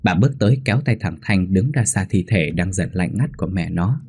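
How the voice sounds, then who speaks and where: A man narrating a ghost story in a steady storytelling manner. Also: low voice, a little fast, slightly rough.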